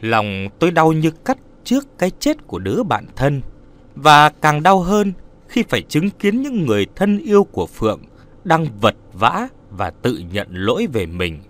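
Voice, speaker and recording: Male storyteller, ghost story narration, animated and expressive delivery. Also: fairly high pitch, moderate pace. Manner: dramatic, expressive.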